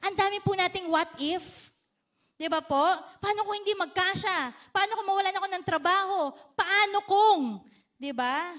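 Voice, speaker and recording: A woman's voice: very high-pitched, moderate pace, fairly bright tone. A woman pastor with a Filipino accent, giving a sermon in a chatty, playful style and teasing the congregation. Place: church service.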